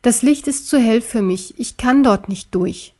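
Whiny timid stuffed mole guy from a kids storybook, a woman doing him, voice pushed up high. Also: measured pace, warm tone. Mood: miserable. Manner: whiny, plaintive. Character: big round timid male stuffed mole. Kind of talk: storybook character voice.

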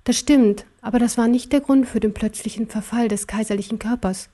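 A woman reading a storybook aloud, voicing a sad, gentle cuddly cat with a soft, hesitant, sweet voice. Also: on the high side, fairly even intonation, brisk, lightly acted. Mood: wistful.

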